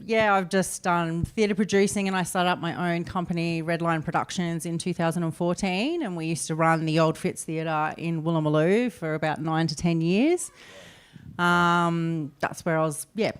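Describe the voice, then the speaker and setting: Low-voiced woman, far north Queensland accent. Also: fairly even intonation, measured pace, smooth. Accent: far north Queensland Australian. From far north Queensland, Australia. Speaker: guest, theatre producer. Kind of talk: casual live interview chat.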